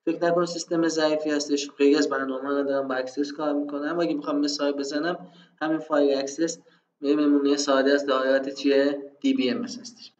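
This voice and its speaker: A man with a fairly high voice explains database software in a relaxed, conversational way. He keeps asking himself rhetorical questions and filling pauses. The sound is roomy and muffled, like a cheap mic in a bare room. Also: a little hiss or hum. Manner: conversational, rhetorical self-questions, frequent fillers. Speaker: programming instructor. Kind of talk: screen-recorded tutorial explanation.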